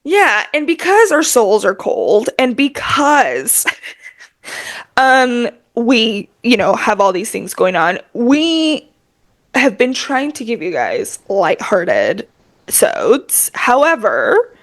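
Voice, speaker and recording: A woman co-hosting a podcast in casual, animated chat, using a lot of filler words. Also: on the high side, slow. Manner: animated, chatty, heavy use of filler words. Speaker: podcast co-host.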